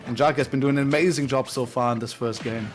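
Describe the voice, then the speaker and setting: A man delivers energetic play-by-play for an online fighting-game match. His voice sits at a middle pitch, and he fills gaps with quick fillers. Faint music runs underneath. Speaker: play-by-play commentator. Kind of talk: esports commentary.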